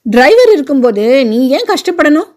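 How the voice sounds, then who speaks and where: A calm middle-aged wife soothes her husband in soft, placating tones, as a woman narrator reads her. The voice is fairly high, in the reader's own register. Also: moderate pace.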